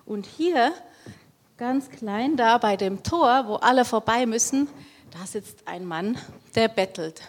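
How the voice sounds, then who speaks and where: A woman tells a Bible story to children and points out the pictures as she goes. Her voice is a little high and lively. She pauses to ask the kids questions. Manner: lively, explaining, asks the audience questions.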